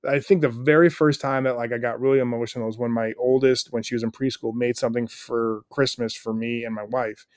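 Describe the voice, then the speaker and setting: A man's voice: mid-range voice, steady tone, fairly quick, few pauses, a little mellow, smooth, no room sound, clean studio sound. A middle-aged man, a stay-at-home dad guesting on a podcast, talking in an earnest, rambling way with lots of fillers. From United States. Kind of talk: casual interview chat.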